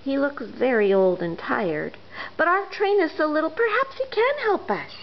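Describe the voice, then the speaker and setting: An eager little toy clown calls out in a very high, bouncy voice, as a woman puts him on. The storybook voice leaps all over the place in a dull lo-fi recording. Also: moderate pace. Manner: excited, eager calling out.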